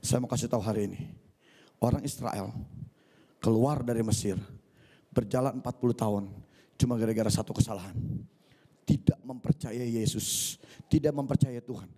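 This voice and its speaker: Gravelly, animated male preacher. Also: mid-range voice, normal speed, long pauses. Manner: animated, acts out scenes, mixes in English phrases. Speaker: pastor. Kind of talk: sermon. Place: church service streamed online.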